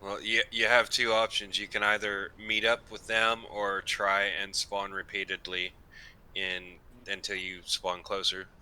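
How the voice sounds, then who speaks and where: A man's voice: fairly low pitch, monotone, a little slow, bright, forceful tone, a little hiss or hum, poor audio. A man from Arkansas with an Arkansas accent, bantering casually while playing a game with friends. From Arkansas, United States. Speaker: player in a group gaming session.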